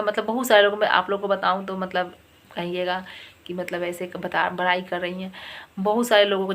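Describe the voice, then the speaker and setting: A woman's voice: lowish voice, fairly bright tone. A middle-aged woman with a cold, chatting in her home kitchen and retelling a story in a casual home vlog. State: has a cold. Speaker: vlogger.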